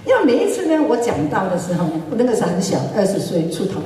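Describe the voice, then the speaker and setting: A woman preacher telling a personal testimony in a sermon, animated and often laughing as she speaks. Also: medium pitch, rapid-fire. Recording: echoey hall, mic far off.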